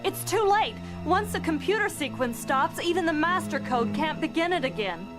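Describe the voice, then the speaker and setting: An actress playing a commanding, decisive young rebel princess in a space opera audio drama, speaking with urgency. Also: female voice, extremely high pitch, expressive, moderate pace, over music. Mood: urgent.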